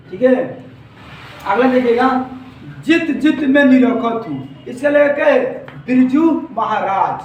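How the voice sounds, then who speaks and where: High-pitched male teacher, very echoey room, far from the mic, faint noise. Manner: asks and answers his own questions, repeats key words slowly. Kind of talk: classroom lesson with call-and-response questions.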